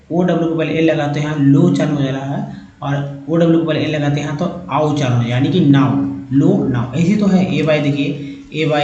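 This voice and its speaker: In an echoey room, with muffled audio, a man with a slightly high, warm voice teaches English reading from slides. Calling viewers his friends, he emphatically drills letter groups and sounds out words over and over.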